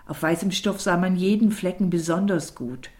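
A woman reading a novel aloud as a calm, even audiobook narrator. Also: fairly low pitch, moderate pace. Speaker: audiobook reader. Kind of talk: scripted narration.

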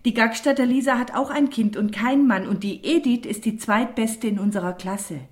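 A woman's voice: a little high, moderate pace, voice pushed up, lightly acted. A woman reading an audiobook and voicing a curious, earnest young girl asking questions. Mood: earnest questioning. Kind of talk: audiobook character voice.

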